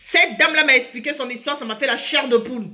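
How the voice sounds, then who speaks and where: A woman casually telling a story to her listeners, lively and addressing them directly. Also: high voice, quick pace. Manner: lively, switching between French and another language, addressing listeners directly.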